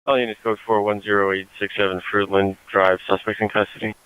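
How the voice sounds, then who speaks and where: A man's voice: lowish voice, little pitch movement, a little fast, clean tone. A man as a police dispatcher giving a brief, clipped code call over a police radio transmission. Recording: tinny radio-band audio.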